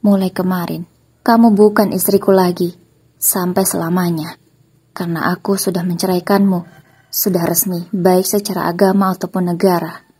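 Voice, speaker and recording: A woman's voice: on the low side, level tone, moderate pace, mellow, slightly rough. A woman voicing a betrayed husband who speaks in a stern, threatening way. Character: betrayed husband, cold and angry.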